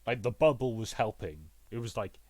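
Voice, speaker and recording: A man co-hosting a podcast, chatting casually and excitedly, swearing and acting out characters' lines. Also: on the low side, normal speed, no room sound. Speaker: podcast co-host. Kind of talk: casual chat.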